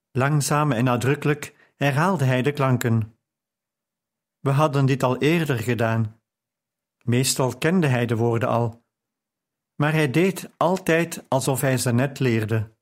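A man narrating an audiobook in a calm, unhurried reading style. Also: medium pitch. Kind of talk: scripted narration.

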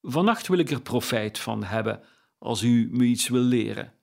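A man's voice: mid-range voice, animated, normal speed, creaky. A man voicing a humbled, meek old miser who speaks timidly and submissively in a storybook reading. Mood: pleading.

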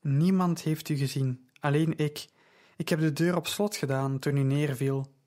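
A man voicing a young woman who sells purple dye, speaking in a gentle, reassuring and knowledgeable way. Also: low-pitched, steady tone, a little slow. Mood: calm reassuring. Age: young adult.

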